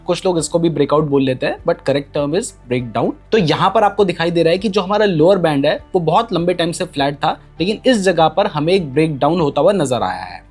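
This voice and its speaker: A man explaining a trading strategy in a chart tutorial, pointing things out on screen and mixing English terms into his speech. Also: a little high. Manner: mixes English terms into Hindi. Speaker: trading educator.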